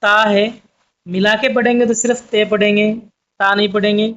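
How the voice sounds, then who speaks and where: High-voiced man teaching a patient lesson. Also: little pitch movement, moderate pace, a bit bright. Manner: patient, repetitive explaining, addresses viewers as friends. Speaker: Urdu teacher. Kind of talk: online language lesson. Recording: dull lo-fi sound.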